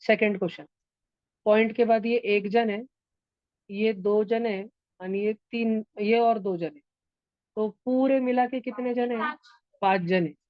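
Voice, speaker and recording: A man's voice: high-pitched, fairly even intonation, unhurried, pauses often, smooth, no room sound. Male math teacher, patient and repetitive, checks understanding often; dull, dry lo-fi stream sound. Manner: patient, repeats steps and keeps checking if students follow. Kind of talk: classroom lesson to online and offline students.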